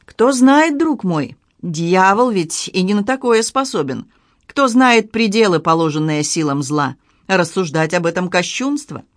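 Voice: medium pitch, lively intonation, measured pace, no echo, clean studio sound, natural voice. An audiobook reader voicing a pious male townsman who speaks in a solemn, sermonizing way.

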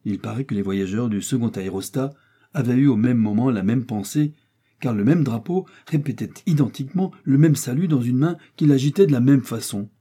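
Male audiobook reader, very dark husky voice, measured delivery. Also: mid-range voice. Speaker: audiobook narrator. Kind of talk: scripted narration.

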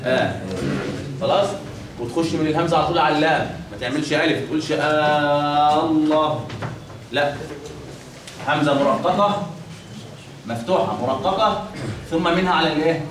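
Egyptian guy giving a lesson, voice a bit high, lots of echo, sounds far from the mic. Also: slight background noise. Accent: Egyptian Arabic. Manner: drills pronunciation, repeats examples, checks with "خلاص؟". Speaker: teacher of the call to prayer. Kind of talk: classroom lesson with demonstrations. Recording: echoey room, mic at a distance, faint ambience.

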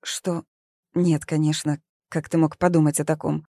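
A woman's voice: low-pitched, level tone, moderate pace, warm tone, dry recording. A woman voicing a young woman who is cornered and anxious, speaking tensely and defensively. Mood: indignant.

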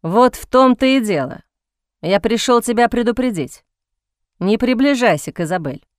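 A woman's voice: a little high, lively intonation, moderate pace, no echo, clean studio sound, close to an everyday voice. A woman voicing a proud, earnest younger brother who speaks in curt, clipped phrases, in a storybook reading. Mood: cold, curt.

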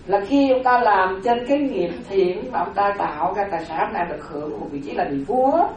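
A woman giving a Buddhist Dharma talk, explaining slowly with repeated phrases and rhetorical questions. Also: mid-range voice, expressive, crowd noise. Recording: very echoey hall from far off.

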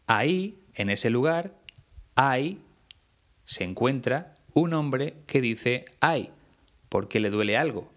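A man from Spain teaching Spanish, explaining words slowly and carefully and spelling them out letter by letter. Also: mid-range voice. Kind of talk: slow explanatory lesson.

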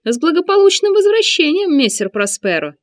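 A woman reading an audiobook, voicing a fat, mocking male eunuch corsair with a shrill, squealing voice. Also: very animated, moderate pace, no echo, clean studio sound. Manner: mocking, contemptuous.

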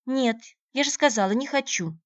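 A woman voicing a quick-tempered young girl who speaks in an indignant, emphatic way, in a dull, dry recording. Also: high voice, animated, dry recording, voice pushed up. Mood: insistent.

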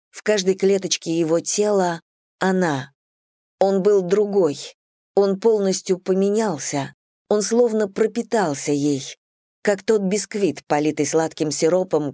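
Low-voiced lady reading an audiobook, steady and even, super dry close sound. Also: no room sound. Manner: measured, steady storytelling. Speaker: audiobook narrator. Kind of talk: scripted novel narration.

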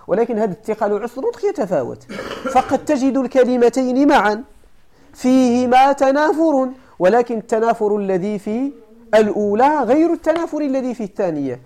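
A woman's voice: fairly high pitch, warm tone. A woman with a Moroccan accent teaching a class, repeating each point and asking rhetorical questions. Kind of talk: classroom lecture on classical texts.

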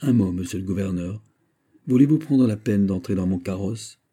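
A man's voice: sits low, moderate pace, mellow, slightly rough. A man voicing a proud, passionate minister in an audiobook reading, speaking in an ardent, declamatory way. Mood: commanding.

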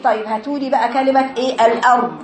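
A woman with an Egyptian accent teaching a tajweed lesson to her female students, explaining rules and reciting words slowly with long drawn vowels. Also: fairly high pitch, echoey room, very noisy. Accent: Egyptian Arabic.

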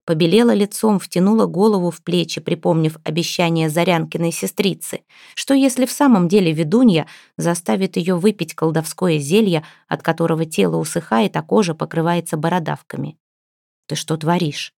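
A woman reading an audiobook story in a steady storytelling manner. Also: lowish voice, brisk, creaky, hardly any pauses, no echo, studio quality. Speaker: audiobook narrator.

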